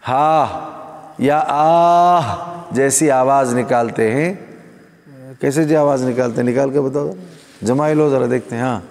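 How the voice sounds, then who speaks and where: In a gathering hall with lingering reverb, a male Islamic preacher talks straight to his audience and asks rhetorical questions. His voice sits at medium pitch, slightly mellow, with fairly even intonation.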